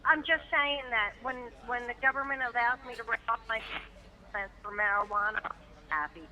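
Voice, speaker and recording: A woman calling in to a talk show over a phone line that keeps breaking up, speaking in a hesitant, halting way. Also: fairly high pitch, sharp tone. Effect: call line breaking up. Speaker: caller. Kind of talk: casual chat.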